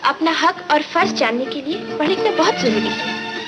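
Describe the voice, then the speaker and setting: A woman's voice: very high-pitched, very animated, normal speed, music in the background. An actress playing an earnest young woman who teaches adults to read, speaking in an instructive way.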